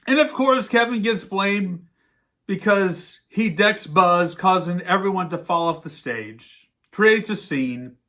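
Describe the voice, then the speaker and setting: A man's voice: high voice, expressive, slow pace, bright, forceful tone. A man hosting a podcast, giving a sarcastic, exasperated movie rant. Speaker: podcast host. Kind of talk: ranting movie commentary.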